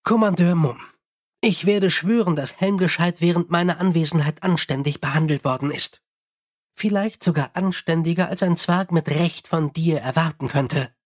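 A male narrator voicing a dwarf priest who speaks in a measured, formal way. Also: on the high side, close to an everyday voice. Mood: solemn.

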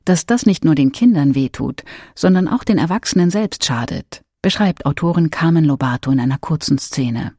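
A man reading a parenting text in a calm way, speaking straight to the listeners. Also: fairly high pitch, moderate pace, few pauses, breathy edge, no echo, studio quality. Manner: calm, addresses listeners directly. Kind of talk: scripted reading.

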